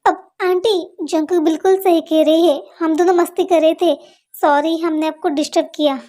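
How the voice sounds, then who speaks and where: Very high-voiced woman reading a fan story. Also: steady tone, normal speed, mellow, slight background noise. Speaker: storyteller voicing all characters. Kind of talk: scripted fan audio story. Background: music.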